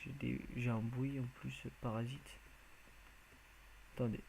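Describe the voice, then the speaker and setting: A man's voice: medium pitch, little pitch movement, a little slow, gravelly, a little mellow, a little hiss or hum, low-quality recording. A man giving casual, rambling commentary as he plays a video game, hesitant and full of filler sounds. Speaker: video game let's player.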